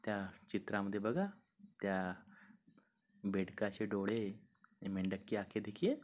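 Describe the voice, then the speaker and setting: A man teaching a school poetry lesson, chanting the verses in a slow sing-song rhythm, then explaining each line plainly. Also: on the low side, little pitch movement, a little mellow, a little hiss or hum. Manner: mixes Marathi explanation with Hindi repetition.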